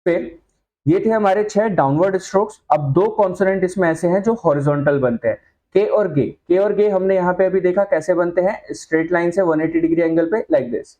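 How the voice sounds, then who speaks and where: A man's voice: sits high, warm tone. A man teaching a shorthand class, explaining patiently and often checking that the students follow. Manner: patient, checks understanding with repeated questions; spells out example sounds slowly. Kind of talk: whiteboard lesson explanation.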